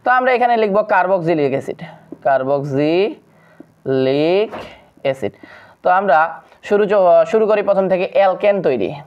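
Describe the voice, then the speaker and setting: A teacher giving a chemistry lesson to secondary students. The teacher recites long lists of compound names in a steady drill, pauses often on fillers, and addresses viewers as friends. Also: mid-range voice. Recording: dull lo-fi recording.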